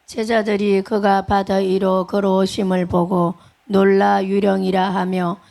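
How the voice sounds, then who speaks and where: A woman reads scripture aloud during a church service in a slow, measured way. Her voice stays flat in pitch and has a gravelly, creaky edge. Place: church sanctuary.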